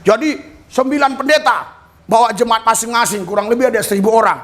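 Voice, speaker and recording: An Indonesian man preaching a sermon, telling a personal story with loud cries, low asides and laughter. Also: fast talker. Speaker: pastor.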